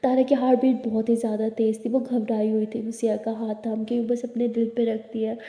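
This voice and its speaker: A woman narrates a scripted story in a steady, plain manner. Her voice sits fairly high but sounds dark and mellow. The recording is roomy, with a long reverb. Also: a little fast.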